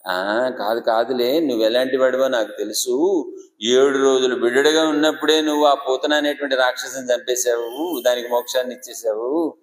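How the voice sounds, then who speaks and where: A man's voice: mid-range voice, fairly even intonation, normal speed, close to an everyday voice. A man voicing a shrewd old male curd seller who bargains and teases while telling a sermon story. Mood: bargaining. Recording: echoey hall reverb.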